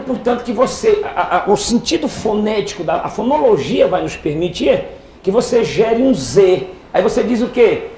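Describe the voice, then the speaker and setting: High-voiced man teaching in an echoey hall. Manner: lively, asks the class questions and answers them himself. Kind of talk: live exam-prep class. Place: lecture hall with students. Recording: echoey hall with faint background noise.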